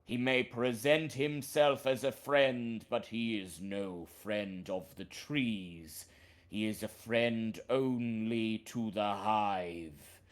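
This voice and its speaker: A man's voice: fairly low pitch, slow pace. A man voicing a solemn, ancient talking tree in a tabletop game, speaking in grave, formal, grumbling pronouncements. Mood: solemn warning.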